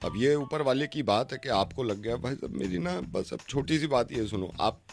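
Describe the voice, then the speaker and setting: Radio host putting on an aggrieved husband caller. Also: male voice, mid-range voice, lively intonation, moderate pace, vocal fry, soft background music. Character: aggrieved husband caller, touchy, quick to take offence. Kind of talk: radio prank call.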